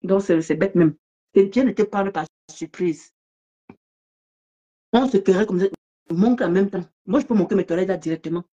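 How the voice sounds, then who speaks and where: A woman ranting casually on a live stream about an online feud, mocking and laughing loudly, talking fast in bursts. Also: medium pitch, dull audio.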